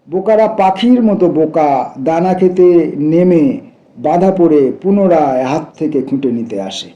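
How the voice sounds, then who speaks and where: A man reciting poems in a measured way, repeating lines and correcting his own misreadings. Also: high voice, warm tone. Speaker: poetry reciter. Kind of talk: poetry recitation. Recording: echoey room, dull lo-fi sound.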